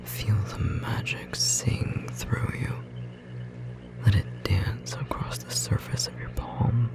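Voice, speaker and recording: Over loud music, a medium-pitched, steady voice plays a tender, devoted clerk in a magical bookstore for an intimate ASMR romance scene. The whisper is gentle, breathy and slightly rough, with long pauses, and the mood is tender and awed.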